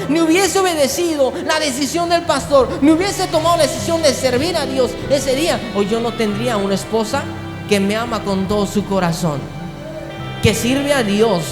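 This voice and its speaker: A pastor preaching a sermon, moving from low, intimate tones up to shouted climaxes. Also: male voice. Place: large church hall. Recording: echoey hall with music behind.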